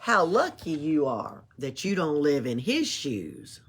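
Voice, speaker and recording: At a library storytime, a woman reads a rhyming picture book aloud in a low, husky voice at a slow pace. She is expressive and playful, adding her own little asides and chuckles.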